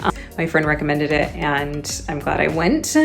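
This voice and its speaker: A woman's voice: low-pitched, steady tone, moderate pace, creaky, faint music behind. A woman vlogging to a handheld phone camera in a casual, chatty way, laughing often and acting out what people said to her.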